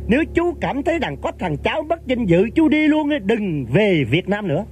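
A man's voice: high-pitched, sing-song, moderate pace. A man playing a cheeky, wheedling spendthrift nephew in a comic sketch with sung verses. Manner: cheeky, wheedling, sings lines. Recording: echoey stage mix over loud music.

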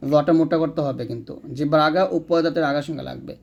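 Higher-voiced man teaching letter sounds. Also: fast, creaky, darkish tone, highs cut off, slight background noise. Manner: explains step by step, demonstrates sounds, checks in with "right?"; corrects his own slips mid-sentence. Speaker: Quran recitation teacher. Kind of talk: spoken lesson on letter pronunciation.

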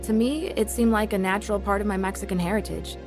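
Over a music bed, a woman voices a first-person radio drama, narrating and acting the part of a young woman who is angry and rebellious. The mood is reflective, and she speaks quickly in a mid-range, lightly acted voice.

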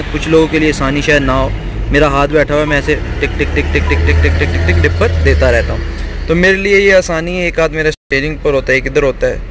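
A young man, casually explaining a car upgrade to viewers in a chatty vlog, filmed on a handheld camera in and around his car. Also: fairly high pitch. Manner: chatty, addresses viewers as brothers, many fillers. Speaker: car vlogger. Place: inside a car and an auto parts shop. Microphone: handheld action camera. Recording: street traffic noise.

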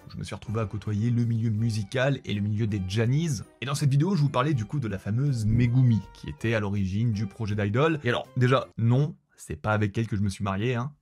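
A man's voice: on the low side, fast, few pauses, darkish tone, breathy edge, soft background music. A man hosting a storytelling vlog, talking straight to his viewers with jokey, teasing asides. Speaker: YouTube host.

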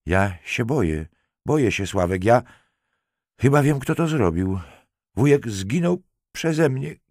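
A man's voice: mid-range voice, expressive, measured pace, gravelly, a little mellow, no echo, pitched above the performer's own voice. A man reading a young woman, teasing at first and later frightened and close to tears. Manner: teasing, then pleading and breathless.

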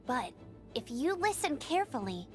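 A woman's voice: high-pitched, big pitch swings, moderate pace, music in the background. An actress playing a plucky, earnest teenage girl scout knight in an anime fantasy game, spirited and determined. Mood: resolute. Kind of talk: video game voice acting.

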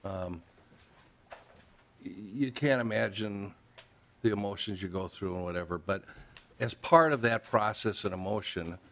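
An old man in his sixties speaks with an American accent in a somewhat low voice. He gives personal testimony into a table microphone in a committee room. His delivery is plain-spoken and earnest, with a halting flow. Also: a bit bright. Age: 60s. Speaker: grandfather testifying at a legislative hearing. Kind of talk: personal testimony at a public hearing. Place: indoor legislative committee room. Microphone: gooseneck table microphone.

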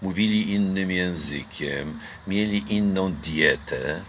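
Slow and low-pitched with a slightly bright tone, an older man from Poland converses casually in an interview on a garden patio outdoors. He pauses to reflect, stumbling through fillers and restarts, recorded by a nearby camera with slight background noise.

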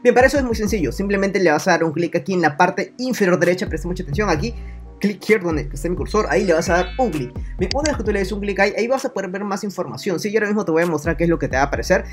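Man, fast talker, screen tutorial, repetitive, addresses viewer, faint background music. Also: sits high, animated. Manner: repetitive, talks to viewer directly; voices imagined viewer questions. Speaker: online money-making youtuber.

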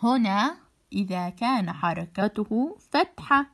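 A woman teacher giving a children's phonics lesson, drawing out letter sounds and repeating them for drilling, with warm praise. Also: medium pitch, lively intonation, slow pace. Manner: praising, encouraging.

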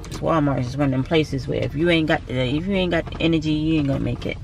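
A woman's voice: deep voice, fast talker, creaky, a little mellow, a little hiss or hum. A young woman, chatting to her vlog camera from a parked car, tired and a bit cranky. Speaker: vlogger. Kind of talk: casual vlog chat. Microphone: handheld camera close by.

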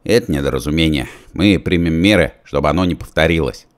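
A man voicing a thin official who speaks quietly and sternly. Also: a bass voice, fast talker.

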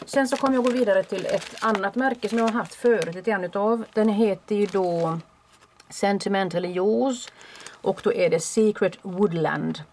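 A woman who runs a craft shop, chatting casually and warmly as she shows off new stock at home. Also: fairly low pitch, gravelly. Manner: chatty and friendly, with small restarts. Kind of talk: casual product show-and-tell.

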